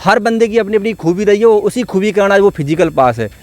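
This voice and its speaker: A man's voice: high voice, lively intonation, fast, a little mellow. A man coaching at a police exam academy speaks. His tone is earnest and encouraging as he praises his students, like a teacher rallying his class outdoors. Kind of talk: motivational talk with students.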